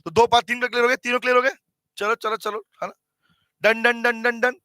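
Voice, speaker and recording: Indian male teacher, bright and forceful, teasing class lecturer who slows down to dictate key lines. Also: extremely high pitch, no room sound, rough recording. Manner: animated, teasing, calls students by name; repeats key phrases slowly for notes.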